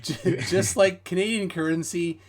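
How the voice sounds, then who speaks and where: Speaking at normal speed with a high, steady voice, a US man hosts a live stream, chatting casually. His stories wander, he hesitates with plenty of fillers, and he reads his viewers' messages out loud.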